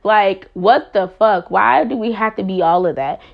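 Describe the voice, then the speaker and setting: A woman's voice: medium pitch, measured pace, creaky, lo-fi sound. Impassioned, blunt young woman venting. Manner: impassioned, blunt, swears freely. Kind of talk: candid personal monologue.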